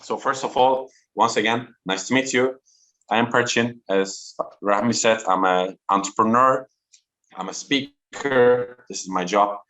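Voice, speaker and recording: A man in his thirties from Turkey, a native Turkish speaker giving an online talk to students slowly and deliberately over a video call. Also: on the low side, sharp tone. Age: 30s. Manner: slow, deliberate and interactive.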